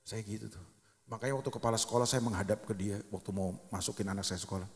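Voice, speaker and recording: A middle-aged man preaching a sermon as pastor, telling lively stories with acted-out quotes. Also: lowish voice, quick pace. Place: church sanctuary. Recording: long hall reverb.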